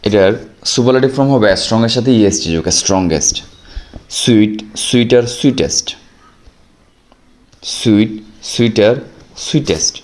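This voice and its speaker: A man with a Bangladeshi accent teaching an exam-prep grammar lesson, patiently repeating examples slowly and checking that students follow. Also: fairly low pitch, a little mellow. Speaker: English teacher.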